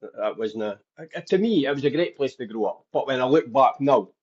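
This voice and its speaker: A man's voice: medium pitch, lively intonation, moderate pace, slightly rough, dull audio. A man with a Dundee Scottish accent, speaking openly as a podcast guest who tells his life story. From Scotland. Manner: open, candid storytelling.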